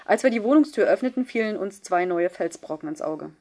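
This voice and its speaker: Woman reading a novel in first person, calm and measured, middle pitch. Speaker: audiobook reader. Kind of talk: scripted first-person narration.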